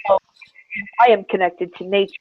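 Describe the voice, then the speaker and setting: A participant phoning in through headphones on a phone, the line thin and tinny like an old telephone. The audio is choppy and keeps cutting in and out, clipping the ends of words, while the delivery is halting with thoughts left hanging. The sound is dry and close, with no room around it. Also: mid-range voice, fairly even intonation, dry recording. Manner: halting, with sentences left unfinished. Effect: choppy audio that cuts in and out and clips off word endings. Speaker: call-in panel participant. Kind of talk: casual group discussion.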